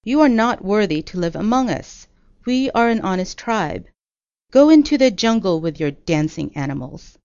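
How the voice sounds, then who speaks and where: A woman's voice: mid-range voice, big pitch swings, a little slow, creaky, few pauses, darkish tone, dry recording. A woman voicing a stern, angry male village chief who accuses and commands. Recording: dull lo-fi audio.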